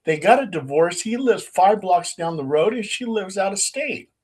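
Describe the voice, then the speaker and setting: A man's voice: high voice, animated, normal speed, a little mellow, breathy edge. A man putting on the voice of a friendly neighborhood party host who is baffled, in a retold ghost story. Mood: incredulous.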